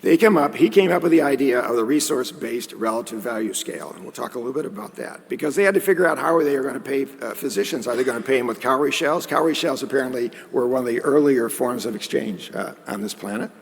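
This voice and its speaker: A man's voice: mid-range voice, animated, fast, vocal fry, hardly any pauses, breathy edge. A man giving a conference lecture in a conversational way, with joking asides. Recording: long hall reverb.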